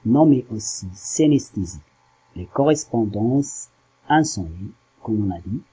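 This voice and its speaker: Un homme, professeur de littérature, qui explique un poème lentement et en hésitant, en découpant les syllabes. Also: male voice, fairly low pitch, expressive, warm tone, slightly rough, rough recording. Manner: slow, hesitant, spells out syllables. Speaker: French literature teacher. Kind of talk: slow classroom explanation.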